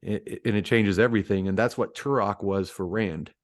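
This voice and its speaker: A man with a lowish voice tells a story on a podcast, loose and conversational. The sound is dry and close. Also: fairly quick, dry recording. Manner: storytelling, relaxed with filler restarts. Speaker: podcast co-host. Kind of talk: casual chat.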